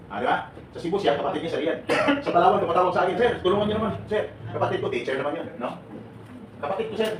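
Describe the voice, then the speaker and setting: A man from the Philippines with a somewhat high voice, animated and laughing as he quizzes a live seminar audience. He mixes English into his Filipino. The recording is roomy and distant, with clear background noise. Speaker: seminar speaker for departing overseas workers. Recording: echoey room, distant and noisy.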